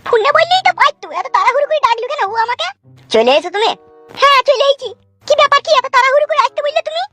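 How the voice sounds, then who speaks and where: A woman doing a squeaky, pushy young village wife. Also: sing-song, racing, bright, forceful tone, faint music behind, exaggerated voice. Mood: insistent.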